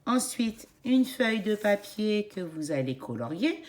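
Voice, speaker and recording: A woman's voice: medium pitch, sing-song, unhurried, a little mellow. A woman teaching young children like a kids show host, leading a counting game in an encouraging, singsong, didactic way. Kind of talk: educational demonstration addressed to young children.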